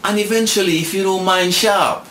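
A man's voice: sits high, fairly even intonation, moderate pace, a bit bright. A man from Jamaica talking reflectively and casually as an interview guest, repeating phrases for emphasis. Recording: roomy echo, clear background noise.

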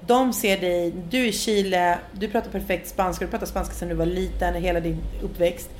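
A woman's voice: fairly low pitch, fairly even intonation. A woman co-hosting a podcast in casual chat, listening closely and adding her own thoughts. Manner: attentive listener with short backchannels. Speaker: podcast co-host. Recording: faint background noise.

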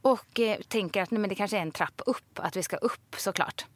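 A woman's voice: medium pitch, no room sound. A woman co-hosting a podcast in a studio, telling a long story in a casual chat and acting out the retorts in it. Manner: lively storytelling with quoted retorts. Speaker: podcast co-host.

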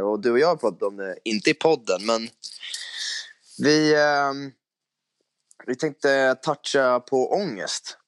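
A man's voice: medium pitch, no room sound. Podcast guy ribbing his cohost, swears a ton, voice all over the place, dead dry mic. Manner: teasing, swears a lot, acts out voices. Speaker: podcast co-host. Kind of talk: casual chat.

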